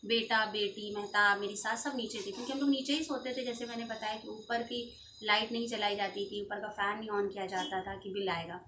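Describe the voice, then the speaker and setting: A woman's voice: medium pitch, steady tone, brisk, reverberant. A woman in her thirties telling a painful personal story in an emotional, pleading and indignant way. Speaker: channel host telling her own story. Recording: distant mic with clear background noise.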